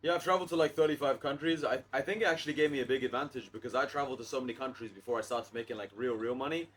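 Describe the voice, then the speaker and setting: Guy on a podcast talking quick n confident, bit of background noise. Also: mid-range voice. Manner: fluent and confident storyteller. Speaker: podcast guest. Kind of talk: casual chat.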